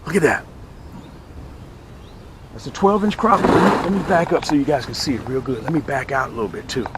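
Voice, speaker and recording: Heavy background noise surrounds this man's brisk, mid-range voice as he hosts an outdoor fishing show. Exclaiming and repeating himself for emphasis, he demonstrates tackle and tries to sell it.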